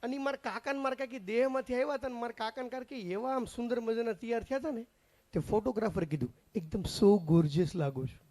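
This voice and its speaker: A man's voice: very high-pitched, quick pace, a little mellow. A man doing live stage comedy, chatting straight to the crowd. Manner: chatty, addresses the crowd directly. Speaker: stand-up comedian and mimic.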